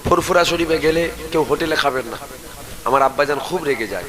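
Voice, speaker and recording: A man's voice: a little high, brisk, poor audio. A man preaching a sermon. He urges the crowd to answer him aloud and leads them in chanted prayers.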